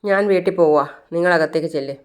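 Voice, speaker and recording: Brief: a hurt young wife turning help down, read plainly by a storyteller, clear smooth tone. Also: mid-range voice, quick pace, lightly acted. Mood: refusing. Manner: quiet refusals.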